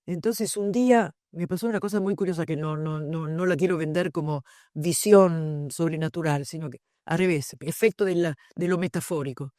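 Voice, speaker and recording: A woman's voice: deep voice, normal speed, hardly any pauses, dark tone, no echo, studio quality. An older woman with an Argentine accent presenting a book, reflective and digressive, telling anecdotes. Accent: Argentine Spanish. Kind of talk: public book presentation talk. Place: university lecture room.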